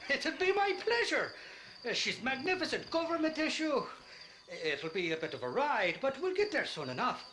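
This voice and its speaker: Casting: high, rambling drunken Irish rogue, noisy game audio. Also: male voice, sing-song, normal speed, sharp tone, full character voice. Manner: rambling, wheedling, slurred. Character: drunken Irish male outlaw, shifty and boastful.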